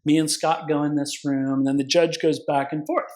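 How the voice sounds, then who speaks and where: A middle-aged male attorney with a slightly higher-than-usual voice tells a courtroom story in a loose, animated way. He swears freely, leans on filler words and jumps into acted-out dialogue as he goes. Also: moderate pace. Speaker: consumer protection attorney, guest. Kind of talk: casual storytelling conversation.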